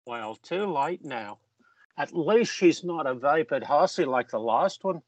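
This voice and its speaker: In an amateur audio drama, a man plays a joking eldest brother teasing his younger sister with playful banter. His voice is fairly high, expressive and a little slow, and the recording is muffled with no room sound.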